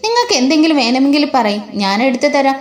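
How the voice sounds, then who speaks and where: A woman's voice: high-pitched, big pitch swings, fast talker. A woman voicing a firm, teasing young wife in a retold story. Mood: retorting. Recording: roomy echo.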